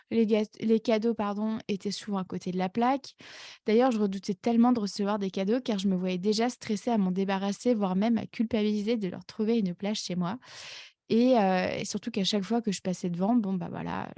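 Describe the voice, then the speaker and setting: A woman's voice: mid-range voice, dark tone, dry recording. Woman coach chatting on her podcast, lots of "heu" and little restarts, dry close mic. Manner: chatty, many fillers and self-corrections. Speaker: life coach and podcast host. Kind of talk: casual personal podcast monologue.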